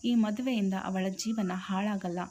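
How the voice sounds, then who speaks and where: Woman reading as a steady middle-aged father, firm, reassuring, mellow voice. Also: medium pitch, unhurried, slight background noise, natural voice.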